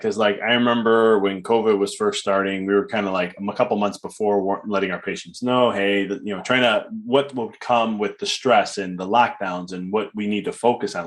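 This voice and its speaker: A man hosting a podcast, talking in a calm, upbeat, casual way with loose fillers. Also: lowish voice. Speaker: podcast host and coach. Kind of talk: casual interview chat.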